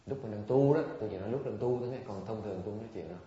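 A man's voice: lowish voice, racing, warm tone. A man giving an informal dharma talk to meditators, rambling and repeating words, chuckling as he mimics his students. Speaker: meditation teacher. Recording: dull, very echoey room recording.

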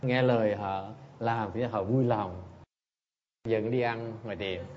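A man's voice: on the low side, fairly even intonation, takes it slowly, highs cut off, a little hiss or hum. A man giving a dharma talk as a Buddhist teacher, speaking bluntly and in a teasing way as he answers listeners and keeps prompting them with short questions.

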